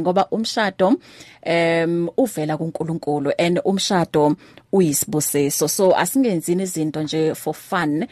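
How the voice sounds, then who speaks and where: A woman hosting a faith-based radio talk show, chatty and quick to laugh with her guests. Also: fairly low pitch, a little mellow, no echo.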